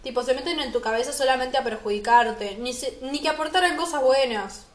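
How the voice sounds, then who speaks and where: High-voiced Rioplatense teen girl. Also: a little fast, roomy sound. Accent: Rioplatense Spanish. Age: teens. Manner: chatty and emphatic, talking while eating. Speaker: vlogger. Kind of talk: casual spoken diary monologue.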